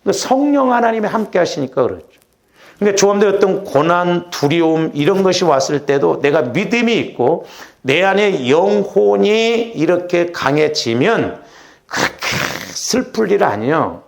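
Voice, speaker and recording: A man's voice: sits high, sing-song, normal speed, creaky. A middle-aged male pastor from the Jeolla region preaching at a Wednesday prayer service in a church, chatty and often asking the congregation "right?". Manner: conversational, keeps asking the congregation "응?". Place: church sanctuary.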